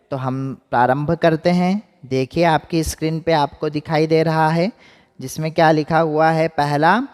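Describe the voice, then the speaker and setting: A man's voice: fairly high pitch, a little mellow, big-room sound. A man teaching a Sanskrit lesson to schoolchildren online, drilling pronunciation word by word and checking in often with the class. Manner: slow, drawn-out pronunciation drills with frequent "है ना?" checks.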